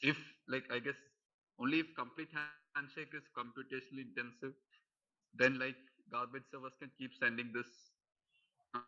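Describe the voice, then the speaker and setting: A man on an online call asking technical questions, thinking aloud in halting phrases. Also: medium pitch, flat delivery, bright, forceful tone. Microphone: video call. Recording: dull lo-fi call audio.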